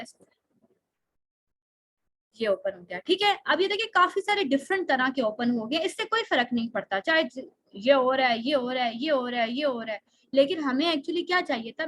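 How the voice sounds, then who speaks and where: A woman's voice: high-pitched, a bit bright, rough recording. A young woman teaching an online class, patiently walking students through each step and often checking they follow along. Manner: patient explaining, frequent checks of "theek hai", asks class questions. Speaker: online course instructor. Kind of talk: screen-share lesson.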